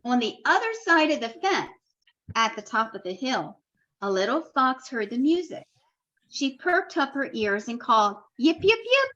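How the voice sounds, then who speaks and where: A woman teacher reading a picture book aloud to young children, with expressive storytelling and friendly asides. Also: on the high side, normal speed, lo-fi sound.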